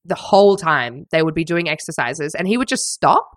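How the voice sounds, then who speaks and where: Low-voiced Australian woman telling a story. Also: normal speed, no room sound, studio quality. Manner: swearing, animated storytelling with mimicry. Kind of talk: casual chat.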